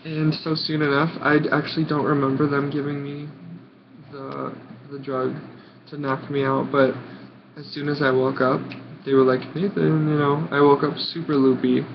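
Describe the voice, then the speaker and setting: A young American man of about nineteen telling a personal story casually, in short halting phrases with dramatic emphasis. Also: mid-range voice, level tone. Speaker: vlogger. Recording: muffled audio with clear background noise.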